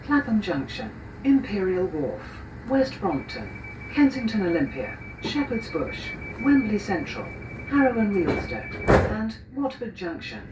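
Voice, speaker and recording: A woman's recorded voice reading out station calls as an automated train announcer, with the words and station names spliced together. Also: mid-range voice. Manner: measured, even announcement delivery. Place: inside a moving train carriage. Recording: dull, echoey train loudspeaker from a distance. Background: train noise.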